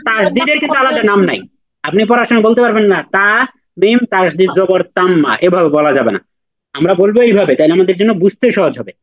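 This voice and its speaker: A man's voice: sits high, lively intonation, racing, lo-fi sound. A man teaching Quran recitation in an online class, patiently repeating and drilling letter sounds with his students.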